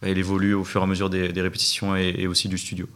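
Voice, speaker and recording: A man's voice: low-pitched, monotone, very fast, a bit bright. A man from a band explaining how they write songs, easygoing with some hesitations. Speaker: band member. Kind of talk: casual interview.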